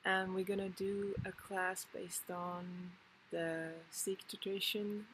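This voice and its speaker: A woman from Finland, a Kundalini yoga teacher talking a class through a calm, unhurried introduction and often pausing to find her words. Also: mid-range voice, slight background noise, rough recording.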